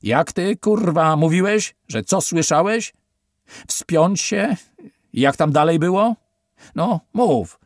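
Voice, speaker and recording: A man voicing a foul-mouthed, bullying military intelligence officer who shouts threats in an irritating voice. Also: fairly low pitch, big pitch swings, fairly quick, gravelly, few pauses, husky, no room sound, studio quality, full character voice. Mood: furious shouting. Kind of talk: audiobook character voice.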